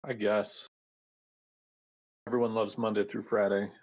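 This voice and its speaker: A man on a hollow, tunnel-like speakerphone, chatting casually and halting now and then as a friend calling in. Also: lowish voice, level tone, darkish tone. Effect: hollow, tunnel-like speakerphone sound. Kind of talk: casual chat. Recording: dull speakerphone over voice chat.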